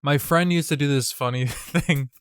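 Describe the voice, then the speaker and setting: A man's voice: fairly high pitch, moderate pace, clear, resonant tone, no echo. A young man co-hosting a comedy podcast, telling stories in casual chat with lots of fillers and restarts. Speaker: podcast co-host.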